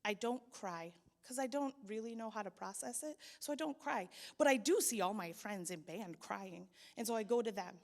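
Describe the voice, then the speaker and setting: A woman's voice: medium pitch, moderate pace, gravelly, few pauses. A young adult woman sharing a personal testimony at church, telling her story and acting out the people in it. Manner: storytelling, voices quoted people, grows loud and pleading. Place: church hall. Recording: long hall reverb.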